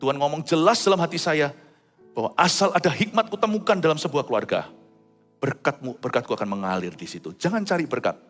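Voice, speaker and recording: A middle-aged man preaching a sermon, swinging between loud high exclamations and hushed low asides. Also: lively intonation, a little fast, long reverb tail, soft background music. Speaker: pastor.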